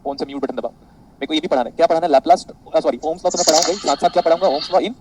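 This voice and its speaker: Man, physics teacher, rapid delivery, slightly raised pitch, faint background hiss. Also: crowd noise, low-quality recording. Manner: animated, boastful, quizzes students constantly. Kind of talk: online classroom lecture.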